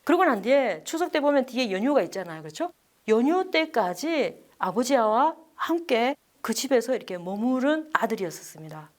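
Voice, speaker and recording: Lively, high-voiced nun telling a story. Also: female voice, moderate pace. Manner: animated, acts out the people in her story; asks the audience questions.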